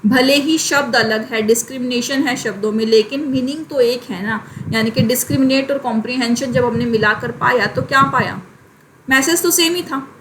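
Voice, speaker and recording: A young woman teaching a class, with a fairly high voice. She explains in Hindi, reads English lines slowly, and checks in with her students often. A faint background hiss sits under the recording. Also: fairly bright tone, low-quality recording. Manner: frequent "ठीक है" check-ins. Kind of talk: online class lecture.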